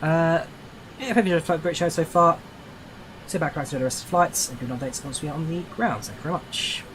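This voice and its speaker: A man's voice: a little high, fast, voice pushed up, natural voice. Man playing an airline captain, noisy cabin announcement. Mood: courteous, informative. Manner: polite, formal scripted phrasing. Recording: steady background noise, cabin ambience.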